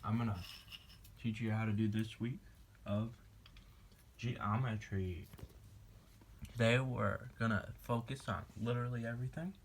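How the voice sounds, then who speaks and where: Fairly low in pitch and steady in tone, this male voice belongs to a teenage boy casually coaching a classmate through math on paper. He's slow, offhand and jokey, snacking as he writes, in an indoor room at home with a faint hiss or hum.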